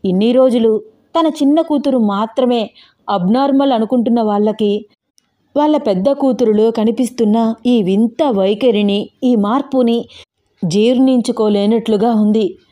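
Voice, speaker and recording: A woman narrating a dramatic audio story in a steady storytelling voice. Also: fairly high pitch, normal speed.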